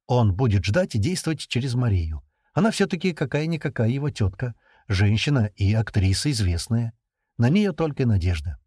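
A male narrator reads a novel aloud. His voice is husky and recorded dry and close, with lively, expressive pitch. The reading is scripted and steady in pace. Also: no room sound. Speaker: audiobook narrator.

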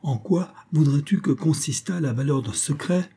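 A man's voice: fairly high pitch, lively intonation, normal speed, mellow, slightly rough, voice pushed up. A man reading the part of a proud, cunning young poet who pleads and defies with passion. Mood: defiant. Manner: impassioned and defiant pleading. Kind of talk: audiobook reading.

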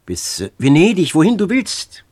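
A man's voice: medium pitch, sing-song, moderate pace, breathy edge. A man doing a desperate young woman, Fenice. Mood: pleading. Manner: pleading, rising into loud outbursts. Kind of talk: audiobook reading.

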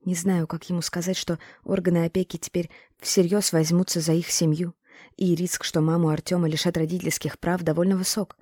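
A woman narrates a first-person audiobook story in a low, mellow voice. Her reading is close and dry. It is a steady storytelling read. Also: brisk, husky, no room sound.

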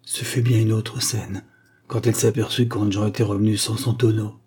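A man reading a short story aloud as an audiobook narrator, in a measured and expressive way. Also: on the low side, husky. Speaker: audiobook reader.

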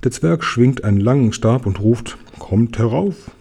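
A man calmly reading a children's book aloud, chapter by chapter. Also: medium pitch, normal speed. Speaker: reader.

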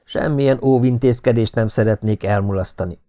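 A man's voice: mid-range voice, warm tone, lightly acted. A man voicing a worried, serious detective in an audiobook. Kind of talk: audiobook character reading.

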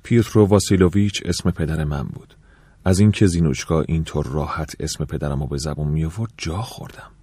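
A man narrating an audiobook in the first person, soft and reflective, with a wistful tone. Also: very deep voice, husky, no room sound.

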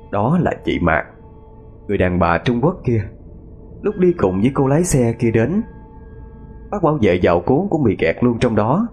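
A man narrating a ghost story in the first person, with lively, dramatic storytelling. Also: mid-range voice.

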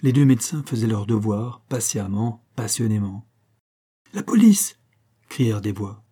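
Husky, dark-voiced male narrator. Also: fairly low pitch. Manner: steady, deliberate reading. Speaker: audiobook narrator. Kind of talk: scripted literary narration.

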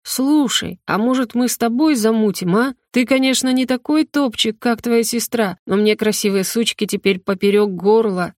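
A woman's voice: a little high, normal speed, hardly any pauses, no echo, studio quality, close to an everyday voice. A woman reading an audiobook voices a brash young man who talks crudely and mockingly.

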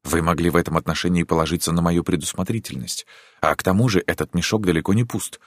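A man reads an embarrassed young prince with a very deep, low voice, hesitant and formal in his speech. The sound is dry and close to the mic, with no room around it. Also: fairly even intonation, fast talker, no echo. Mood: probing. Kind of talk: audiobook character reading.

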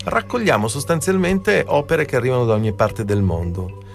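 A man's voice: medium pitch, very animated, normal speed, creaky, faint music behind. A man, a film festival's artistic director, answering as a radio guest in a hesitant way with many fillers. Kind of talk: radio interview.

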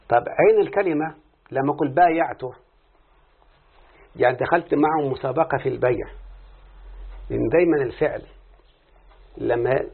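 A man's voice: mid-range voice, gravelly, slightly rough. A man with an Egyptian accent teaching an Arabic morphology lesson, constantly quizzing his student with questions. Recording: phone-like lo-fi audio.

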